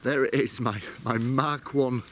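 A man's voice: medium pitch, steady tone, a little slow, a little hiss or hum. A man in his forties, a bushcraft vlogger, chatting to camera in a casual, self-mocking way as he explains his kit outdoors in a woodland.

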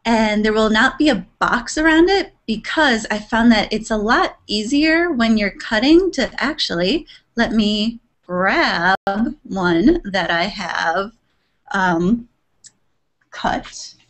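Designer: unhurried woman, high-ish voice, thinking aloud with "um"s. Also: expressive. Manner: measured, explaining with frequent "um"s and light laughs. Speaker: sewing pattern designer. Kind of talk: casual video chat.

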